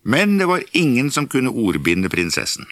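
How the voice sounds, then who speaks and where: A man reading a folk fairytale aloud with an expressive storybook lilt. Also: medium pitch, no room sound.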